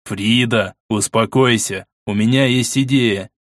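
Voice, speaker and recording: A man's voice: medium pitch, unhurried, dry recording, clean studio sound, natural voice. A man as an earnest, insistent archduke. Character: worried, persuasive older archduke, husband.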